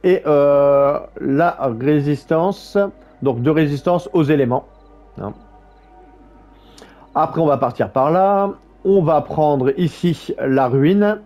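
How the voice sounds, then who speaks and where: Male gaming YouTuber, casual guide voice-over, lots of fillers, mellow tone, muffled lo-fi sound. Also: fairly high pitch, faint music behind. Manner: halting, many fillers and restarts.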